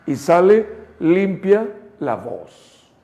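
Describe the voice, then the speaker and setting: Very slow, high-voiced Mexican teacher. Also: male voice, lively intonation, a little mellow, highs cut off. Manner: spells out each step, repeats example sentences slowly for students. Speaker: English teacher. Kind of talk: slow, deliberate grammar lesson.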